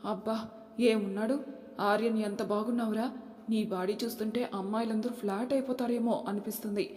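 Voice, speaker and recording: A woman's voice: mid-range voice, steady tone, a little fast, darkish tone, natural voice. A woman voicing a playful, mischievous young wife in an audio story, in an echoey room. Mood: teasing. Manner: mischievous, teasing. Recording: echoey room with long reverb.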